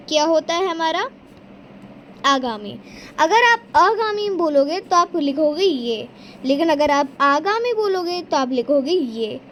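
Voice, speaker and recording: Woman tutor, high and animated, talky classroom explainer, light background hiss. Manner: chatty, repeats points, asks and answers own questions. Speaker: Hindi tutor. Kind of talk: casual spoken lesson.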